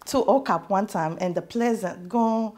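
A woman from Haiti, a radio producer in her thirties, speaks as a guest on a studio TV interview. She talks in an earnest, measured way and laughs easily. She is recorded on a lapel mic in an indoor studio. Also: medium pitch, darkish tone.

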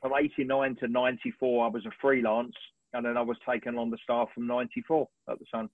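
A husky man in his fifties tells long, animated stories about his work, clearing his throat now and then. His voice sits in the middle range and comes through a thin, phone-like video call. The sound is dry, with no room around it. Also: medium pitch, quick pace, no echo. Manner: animated, rambling storyteller with frequent throat clearing. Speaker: sports photographer guest. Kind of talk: relaxed anecdotal storytelling on a webinar.

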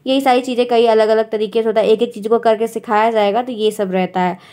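A woman's voice: on the high side, fairly even intonation, fast talker, dark tone. A woman teacher, giving an exam-prep grammar lesson and explaining step by step while checking in with her students.

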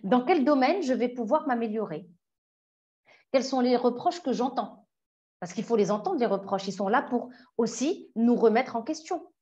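A woman coach leading an online self-knowledge workshop, lively and asking many questions. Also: fairly high pitch, moderate pace. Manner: warm, lively, asks the audience many questions. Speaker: personal development coach. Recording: dull lo-fi audio.

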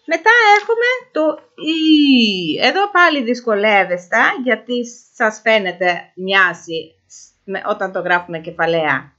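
A woman giving an informal pronunciation lesson who sounds out vowels slowly and repeats them. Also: mid-range voice, big pitch swings, fairly bright tone. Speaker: language teacher. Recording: dull lo-fi recording.

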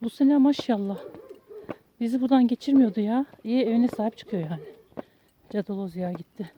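A woman's voice: on the high side, brisk, highs cut off, slight background noise. A woman on a walk outdoors, chatting casually and calling to dogs in a coaxing, affectionate voice, recorded on a handheld phone. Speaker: vlogger walking her dog. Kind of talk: casual chat, talking to dogs. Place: outdoors on a country path.

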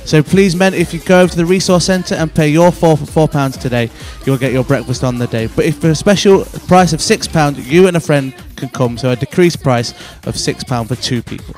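A man's voice: fairly high pitch, brisk, hardly any pauses, darkish tone, faint music behind. A young man presenting church news announcements into a handheld mic in a church café, earnest and friendly. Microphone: handheld microphone.

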